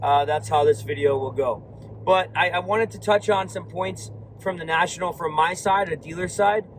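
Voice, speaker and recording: A man talks while he drives, his voice hoarse and worn from recent loss. He rambles in a casual way, full of ums and restarts, with a slightly high voice. A faint hum of car noise runs under him. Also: moderate pace, low-quality recording. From Florida. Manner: rambling, many fillers and restarts. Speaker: card shop owner. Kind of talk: casual vlog while driving. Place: inside a moving car.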